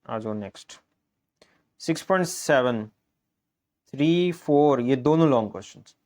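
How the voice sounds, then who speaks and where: Brisk male math teacher, Punjabi-tinged Urdu. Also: mid-range voice, lively intonation, darkish tone. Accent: Punjabi-influenced Urdu. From Pakistan. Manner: brisk, repetitive, encouraging teacher talk. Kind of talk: exam guess paper walkthrough.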